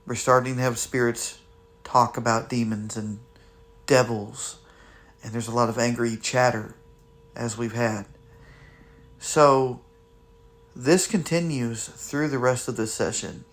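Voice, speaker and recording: A man hosting a spirit box session, commenting to viewers in deliberate, halting phrases with pauses. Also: medium pitch, fairly even intonation, fairly bright tone. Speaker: paranormal investigator and host.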